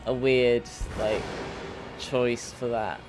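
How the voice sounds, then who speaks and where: A man's voice: mid-range voice, level tone, over music. Drowsy man chatting over gameplay. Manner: sleepy, halting, trailing off. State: drowsy, yawning. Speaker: streamer. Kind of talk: casual gameplay chat.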